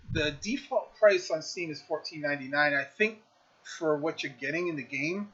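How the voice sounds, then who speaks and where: A man chats through a relaxed review of a game he has been streaming, stumbling over restarts and fillers as he goes. His voice sits a little high for a man. The stream audio is a bit dull and lo-fi. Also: slightly rough. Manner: rambling, many fillers and restarts. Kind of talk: casual game review chat.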